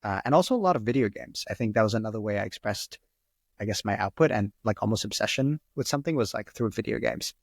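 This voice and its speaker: Speaking quickly and expressively with some vocal fry, a fairly low-pitched man answers podcast questions. He's a guest in his twenties from Sri Lanka, a native Arabic speaker, and he rambles casually, leaning hard on "like" and "um." The audio is studio quality with no room sound.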